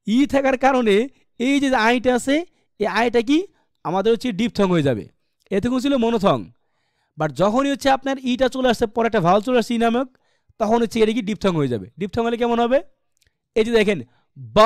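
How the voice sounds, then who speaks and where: Bangladeshi male English tutor, high-pitched and dry-sounding, quizzes students as he sounds out each letter. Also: dry recording. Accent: Bangladeshi Bengali. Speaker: English pronunciation teacher. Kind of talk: live online class lecture.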